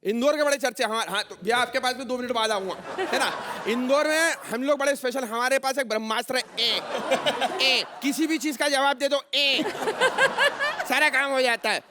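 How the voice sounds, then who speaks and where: A man playing a boastful Indori wrestler goon in a stage comedy sketch, loud and swaggering, with an Indori Hindi accent. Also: very high voice, normal speed, background noise.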